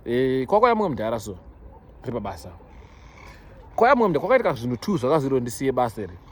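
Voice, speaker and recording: A man's voice: medium pitch, sing-song, quick pace. A young man with a Zimbabwean accent, chatting casually to his followers as a vlogger in an emphatic, repetitive way, mixing in English phrases. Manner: emphatic, repeats himself for stress. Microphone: phone. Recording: noisy background ambience, phone recording.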